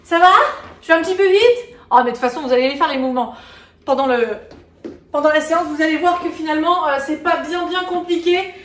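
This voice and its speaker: A woman's voice: high voice, fairly quick. A woman fitness coach leading a live workout, counting reps and checking in on her class while she moves. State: moving while exercising. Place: indoor room with a window. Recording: echoey room, mic at a distance.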